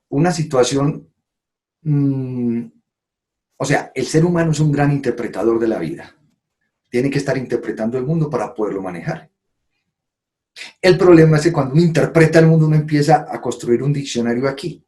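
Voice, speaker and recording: A man's voice: mid-range voice, moderate pace, pauses often, mellow. A man giving a conference talk, acting out quoted phrases and often checking in with "¿sí?". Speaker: conference speaker. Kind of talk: live lecture to an audience.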